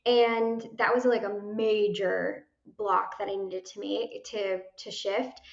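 A woman's voice: medium pitch, fairly even intonation, slow, gravelly. A young woman talking casually as a guest, chatty, swearing freely and filling her speech with "like" and "you know.". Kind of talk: casual chat. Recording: roomy, dull lo-fi sound.

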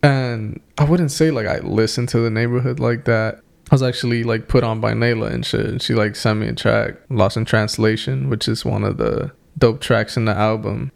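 A man's voice: lowish voice, fairly even intonation, normal speed, creaky. A man co-hosting a podcast, reviewing albums in a joking, slangy way, often repeating himself. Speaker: podcast co-host. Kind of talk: casual music review chat.

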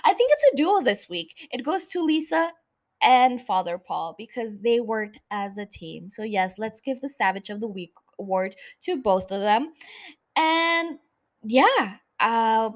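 A woman's voice: fairly high pitch, animated, unhurried. A woman hosting a casual solo podcast about TV shows, swearing freely and joking irreverently as she rambles and interrupts herself. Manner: rambling, self-interrupting, teasing. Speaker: podcast host.

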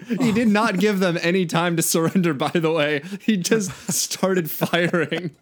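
A man's voice: sits high, measured pace. A man co-hosting a comedy podcast, reading a fan story aloud and chatting, often breaking into laughter. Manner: giggly, reads with bursts of laughter. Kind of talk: casual read-aloud with banter.

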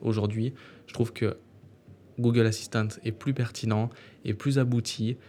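A man hosting a tech podcast, talking casually and often filling pauses with "euh". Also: medium pitch, fairly even intonation, mellow, slight background noise. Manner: conversational, frequent filler "euh". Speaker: podcast host.

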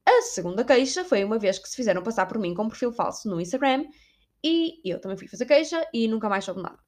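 This young vlogger from Portugal has a fairly high, sing-song, slightly mellow voice and a quick pace. She tells stories to her viewers in a chatty, digressive way, with a European Portuguese accent and occasional Spanish words mixed in.

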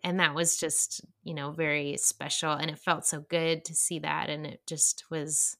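Woman, young adult, podcast co-host, bright voice, lowish pitch, halting, earnest. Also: little pitch movement, vocal fry. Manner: halting, many fillers and restarts, earnest. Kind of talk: casual podcast chat.

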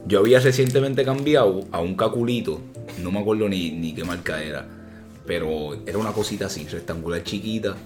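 A young Puerto Rican man hosting a podcast, telling stories in a casual, animated way and often laughing. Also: sits low. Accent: Puerto Rican Spanish. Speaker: podcast host. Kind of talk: casual storytelling chat.

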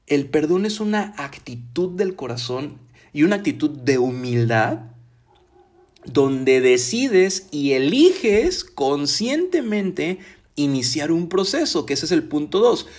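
Male preacher with a fairly high voice, casual live sermon, conversational but emphatic. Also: sing-song, darkish tone. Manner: conversational and emphatic, slows down to stress key words. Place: his home.

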